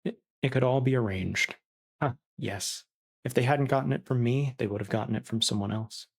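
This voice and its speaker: A man reading as a starving, bitter disgraced surgeon who confesses in a castaway's diary, callous and self-justifying, with a creaky voice. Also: mid-range voice, moderate pace. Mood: cynical, unrepentant.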